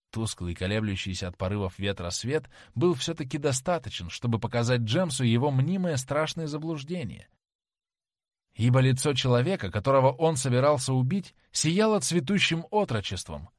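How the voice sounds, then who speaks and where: A man narrating a classic novel as an audiobook in a dramatic, expressive manner. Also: mid-range voice, no echo, clean studio sound. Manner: dramatic, lively storytelling.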